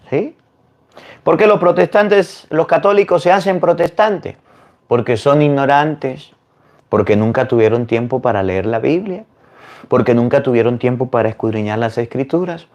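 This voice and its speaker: A man, a priest giving a sermon in an animated, scolding way with many rhetorical questions. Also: mid-range voice.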